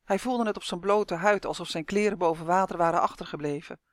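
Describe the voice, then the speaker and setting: A narrator reading a children's novel aloud as an audiobook, telling it in a steady, expressive way. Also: mid-range voice, fairly quick, no echo, clean studio sound.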